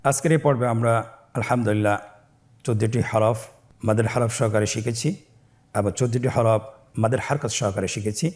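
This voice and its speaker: A man teaching Quran reading, spelling out letters and syllables slowly for listeners to repeat after him, stretching each joined word. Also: on the low side, fairly even intonation, darkish tone. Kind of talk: slow recitation lesson with call-and-repeat drills.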